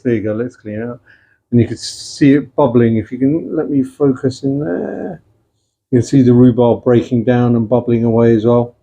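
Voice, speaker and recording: A man's voice: mid-range voice, warm tone. A middle-aged man casually showing home cooking in his kitchen, chatting easily and slipping in Punjabi-Urdu phrases. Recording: dull lo-fi home recording.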